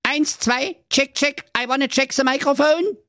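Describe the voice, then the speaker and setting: A man voicing a scheming wicked stepmother chairing a meeting, brisk and mock-sweet. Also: very high voice, sharp tone, no room sound, studio quality, pitched above the performer's own voice, heavily acted.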